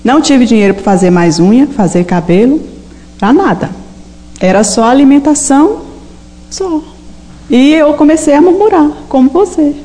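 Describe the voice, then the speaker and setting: A woman's voice: high voice, animated, normal speed, pauses often, warm tone, big-room sound. A woman preaching a sermon, emphatic and full of stories, acting out her prayers. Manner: emphatic, storytelling with acted prayers.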